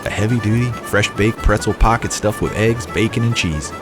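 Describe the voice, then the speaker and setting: A man's voice: on the low side, normal speed. A man reading a polished, scripted voice-over narration for a travel vlog. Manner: polished, descriptive, travel-show tone. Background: background music.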